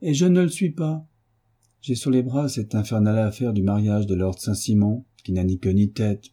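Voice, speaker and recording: A man's voice: on the low side, normal speed, mellow, husky. A man voicing an irritable, sneering police inspector in an audiobook reading, with a bitter, insistent manner. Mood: aggrieved.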